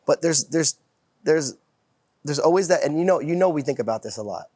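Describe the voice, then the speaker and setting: A man guest chats about nightlife work on a relaxed podcast, speaking a little fast with lively intonation and plenty of profanity and restarts. His voice runs high and mellow, captured in a dry, studio-quality recording.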